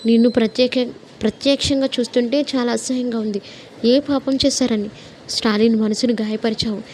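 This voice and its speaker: A woman's voice: a little high, warm tone, slight background noise, lightly acted. A woman playing a fierce, fiery young heroine. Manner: fiery, scolding outbursts.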